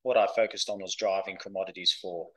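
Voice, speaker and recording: A man's voice: low-pitched, steady tone, fast, a bit bright, poor audio. A man in his thirties from Western Australia with an Australian accent, answering as a podcast guest in a rambling way with many fillers. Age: 30s. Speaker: guest, company founder.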